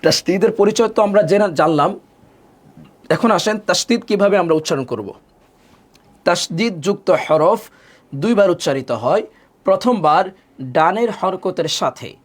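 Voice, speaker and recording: Patient man teaching with lively pitch. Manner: patient, repeats each rule with call-and-response questions; slows to spell out letters and vowel marks. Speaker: Quran teacher. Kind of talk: live online tajweed class.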